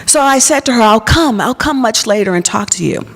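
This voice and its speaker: A woman pastor giving an earnest personal testimony to an audience, telling her story and dropping to a soft whisper at intimate moments. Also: on the high side, lively intonation, a little fast. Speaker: pastor and psychologist. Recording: long hall reverb.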